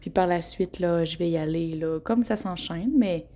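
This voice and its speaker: A woman's voice: on the low side, moderate pace, mellow. A woman in her twenties with a Québécois accent, hosting a casual solo podcast, frank and chatty, often laughing and tripping over her words. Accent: Québécois French. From Quebec. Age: 20s. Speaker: podcast host.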